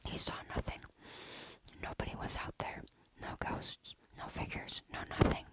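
A storyteller reading a dark horror story aloud in a steady, hushed whisper. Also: normal speed.

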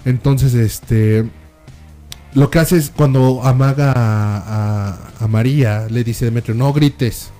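A man's voice: medium pitch, fairly even intonation, dark tone, soft background music. A man with a Mexican accent, chatting casually and profanely as he recaps a soap opera, sometimes mimicking the characters. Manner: slangy, profane, acts out characters in quick put-on voices. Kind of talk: casual chat recapping a telenovela.

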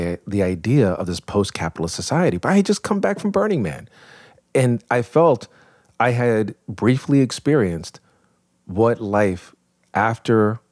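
A man's voice: low-pitched, a little mellow, no room sound, studio quality. A man in his forties from New York, a professor telling a vivid, self-mocking story as a podcast guest.

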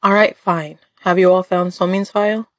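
A woman's voice: on the low side, steady tone, normal speed, no room sound, clean studio sound, natural voice. A woman voicing a playful, smug male gangster with a needling manner in an audio drama story. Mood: smug teasing.

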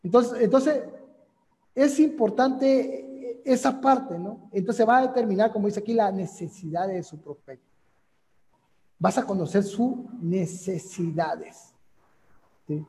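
A man giving an energetic motivational sales training talk, often checking in with the audience. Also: high voice, takes it slowly, long pauses, big-room sound. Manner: energetic, repetitive, asks for agreement ("¿sí?").

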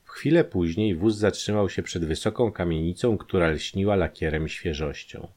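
A man reading a crime novel aloud, with an expressive, lively delivery. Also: moderate pace. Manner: lively, expressive reading that lifts pitch for quoted speech. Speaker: audiobook narrator. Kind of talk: scripted narration of a crime novel.

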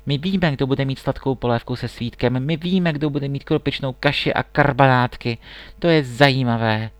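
A man's voice: mid-range voice, no echo, close to an everyday voice. Man doing chattery court ladies all together, a bit raised, dry. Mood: gossipy. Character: gossipy chorus of court ladies.

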